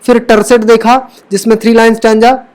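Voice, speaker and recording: A woman's voice: on the high side, flat delivery, brisk, a little mellow. Female lit tutor, exam-prep lecture style, rhetorical questions, frequent self-corrections. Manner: keeps asking rhetorical questions and checking in with "theek hai"; corrects own slips mid-sentence. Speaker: English literature teacher. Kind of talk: exam-prep lecture mixing Hindi and English terms.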